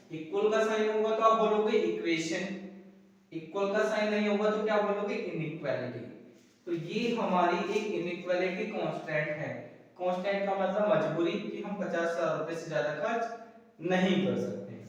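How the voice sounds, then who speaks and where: Male tutor, high voice, asks and answers his own questions, distant mic, roomy echo. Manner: explanatory, repeats key terms. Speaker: economics tutor. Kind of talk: whiteboard lecture. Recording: echoey room, distant mic.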